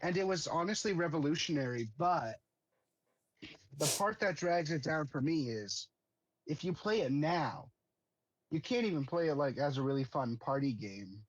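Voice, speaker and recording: A man co-hosting a casual gaming chat, giving relaxed, opinionated takes. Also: fairly high pitch, normal speed, no room sound, highs cut off. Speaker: co-host.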